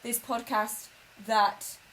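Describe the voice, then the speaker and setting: A young woman co-hosts a chaotic podcast, chatting casually, swearing, and laughing often. Her fairly high, slightly bright voice is slow and flat, and the rough recording has faint background noise.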